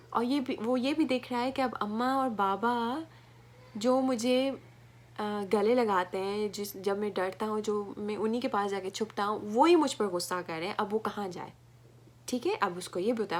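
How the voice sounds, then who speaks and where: A woman with a Pakistani Urdu accent giving an informal parenting talk in a conversational way, often checking in with the listener. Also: on the high side. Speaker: parenting educator.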